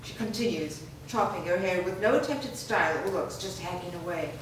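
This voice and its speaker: A fairly low-pitched woman reads stage directions briskly as narration for a staged screenplay reading. Captured from a distance in a reverberant room, the audio is very echoey with noise behind her.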